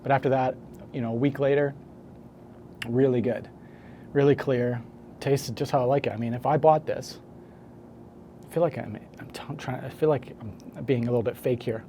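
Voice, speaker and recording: A man's voice: medium pitch, steady tone, moderate pace, long pauses, warm tone, a little hiss or hum. A man talking casually to the camera as a home brewer, rambling and correcting himself as he goes. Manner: rambling, self-correcting, hesitant.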